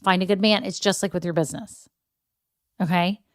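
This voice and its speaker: A woman's voice: on the low side, steady tone, brisk, no echo, studio quality. A woman, hosting a casual solo podcast, chatty and encouraging with frequent asides. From Texas. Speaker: podcast host.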